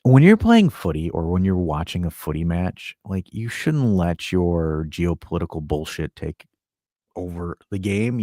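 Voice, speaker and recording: A man's voice: low voice, darkish tone, no room sound, studio quality. A man from the United States co-hosting a casual sports podcast, ranting with plenty of profanity. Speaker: podcast co-host.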